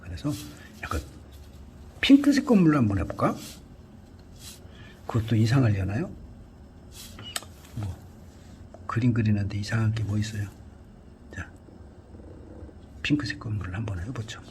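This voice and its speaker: A man giving a calm painting lesson, talking through each brushstroke and often dropping to a near whisper. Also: lowish voice, normal speed, pauses often, slight background noise. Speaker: art instructor. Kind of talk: painting tutorial narration.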